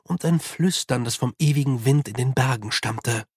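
A man narrating an audiobook in an even storytelling way. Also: mid-range voice, normal speed, breathy edge, no echo, clean studio sound.

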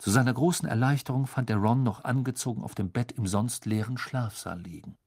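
Mann liest dramatisch vor, rau, nah am mikro, kein hall. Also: male voice, mid-range voice, fairly quick, slightly rough, studio quality. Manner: expressive, dramatic storytelling. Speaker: audiobook narrator. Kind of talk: scripted audiobook narration.

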